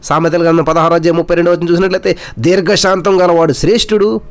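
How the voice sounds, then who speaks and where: A man's voice: fairly high pitch, little pitch movement, very fast. A man preaching a sermon with emphatic rhetorical questions, mixing English words into his speech.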